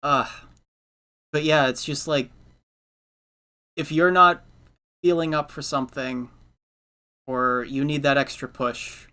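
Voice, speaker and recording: A man's voice: mid-range voice, sharp tone, smooth. A man hosting a podcast, chatting casually in a rambling way, repeating words and laughing often. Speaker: podcast host. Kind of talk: casual chat.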